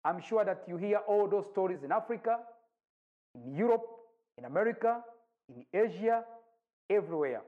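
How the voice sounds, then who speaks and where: A man, an evangelist giving a measured recorded sermon. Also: high voice, lively intonation. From Rwanda. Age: 40s. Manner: measured, deliberate preaching with long pauses. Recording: dull lo-fi recording.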